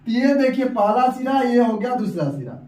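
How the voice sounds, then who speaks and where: A man's voice: extremely high pitch, very animated, normal speed, a little mellow, distant mic. A young man teaching a science lesson at a whiteboard, explaining step by step and repeating key terms. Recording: echoey room, off-mic.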